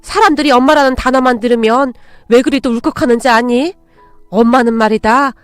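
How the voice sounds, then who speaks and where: A woman's voice: a little high, no echo, clean studio sound, lightly acted. A woman voicing an older mother-in-law who is stern to outsiders and caring to her daughter-in-law. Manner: firm, commanding, then gentle.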